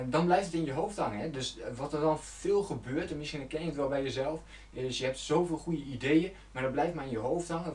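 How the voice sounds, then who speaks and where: A man talks viewers through goal-setting like a coach, earnest and direct, correcting himself and filling pauses as he goes. He stands back from the mic, and the room around him rings. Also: fairly high pitch, a little mellow, roomy sound, far from the mic. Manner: loose and conversational, with fillers and self-corrections. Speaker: self-help coach. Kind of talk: motivational talk to camera.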